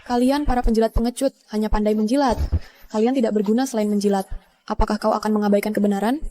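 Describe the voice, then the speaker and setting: A woman's voice: mid-range voice, steady tone, fast, mellow, slight background noise, lightly acted. A woman dubbing the hero's loyal young wife, who speaks earnestly and urgently. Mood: pleading. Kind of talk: dubbed drama acting.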